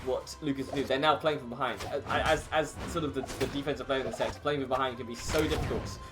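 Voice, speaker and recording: A man's voice: mid-range voice, fairly even intonation, fast talker. Casual male fighting game announcer over music. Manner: hesitant, casual announcer, repeats and trails off mid-phrase. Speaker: esports tournament commentator. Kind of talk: fighting game play-by-play commentary.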